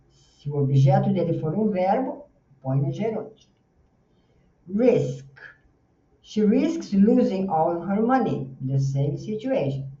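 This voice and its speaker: A woman with a Brazilian Portuguese accent teaches English grammar at a slow, unhurried pace. Her voice is low and mellow. She sounds distant and roomy through a dull, lo-fi recording. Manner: patient, explanatory, models English words slowly. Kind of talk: grammar lesson explaining slides.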